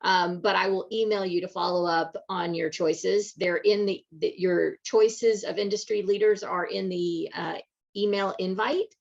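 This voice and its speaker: A woman's voice: on the low side, fairly even intonation, measured pace, gravelly, lo-fi sound. A woman hosting a live online community event, chatty and upbeat, with plenty of fillers. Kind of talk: casual live webinar hosting.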